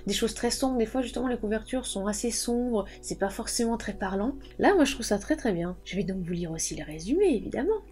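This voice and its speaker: A woman's voice: a little high, expressive, a little fast, few pauses, a little mellow. A thirty-year-old woman, a book reviewer, chatting enthusiastically while unboxing parcels. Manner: chatty and enthusiastic, often says "justement" and "effectivement". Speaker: book reviewer and channel host. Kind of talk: casual unboxing chat.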